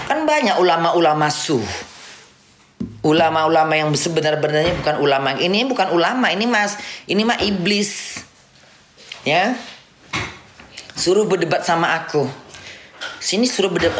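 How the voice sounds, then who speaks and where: A middle-aged woman giving indignant, casual commentary on a film as a vlogger at home, often restarting and repeating words. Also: on the low side. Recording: roomy echo, faint background noise.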